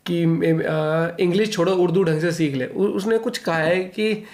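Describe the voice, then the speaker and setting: Casual high-voiced man hosting a reaction video. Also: a little slow, darkish tone. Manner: casual, laughs easily, mixes English greetings into Hindi. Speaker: reaction channel host.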